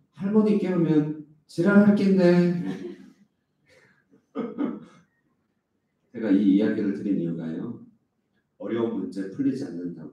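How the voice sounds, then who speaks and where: Dark-voiced male pastor in an echoey hall. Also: lowish voice. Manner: poses rhetorical questions to the congregation; acts out quoted complaints in a raised voice. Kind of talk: early-morning prayer sermon. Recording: echoey hall, speaker far from the mic.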